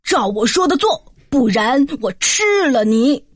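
A woman plays a sly big bad wolf from a children's storybook, stretching each word slowly as he coaxes. The voice sits high, and the recording is dry. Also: animated, no room sound. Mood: menacing. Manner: slow, drawn-out coaxing. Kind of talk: storybook narration.

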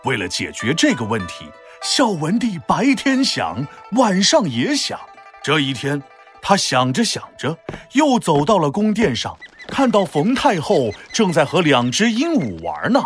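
A storyteller host narrates for children with playful exaggeration. The pitch swings widely from phrase to phrase, over soft background music. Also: wildly swooping pitch, measured pace. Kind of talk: animated scripted children's storytelling.

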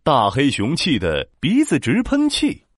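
A man narrating a children's story in an animated, expressive storytelling manner. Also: a little high, a little slow, dry recording, studio quality.

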